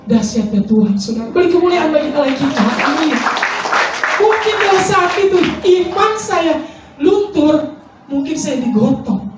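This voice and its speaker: A woman's voice: extremely high pitch, far from the mic. A woman pastor preaching a sermon, telling a personal testimony with pleading, sometimes sing-song prayers. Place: large church hall. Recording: echoey church hall from afar, faint music.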